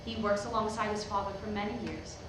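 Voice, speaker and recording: In a lightly acted staged reading, a woman with a mid-range voice and fairly even intonation plays an eighteen-year-old preacher's daughter, nervous yet defiant. Her sermon is earnest and resolute but halting, full of hesitations and rhetorical questions. It was recorded from the audience in an indoor hall through a distant mic, very echoey and noisy.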